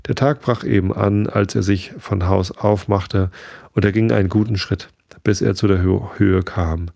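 A man reading a fairy tale aloud in a steady, measured way. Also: fairly low pitch, vocal fry, no echo, clean studio sound. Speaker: narrator. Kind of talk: storybook reading.

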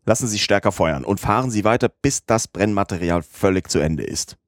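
A man voicing an unshakably calm English gentleman who speaks with composure. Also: lowish voice, a little fast, no echo, clean studio sound, close to an everyday voice.

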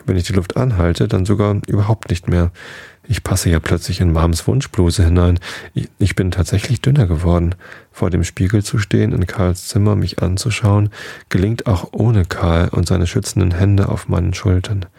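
A man calmly reading a novel aloud in the first person, in an intimate storytelling manner. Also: deep voice, moderate pace, creaky, husky, no echo. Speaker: audiobook reader.

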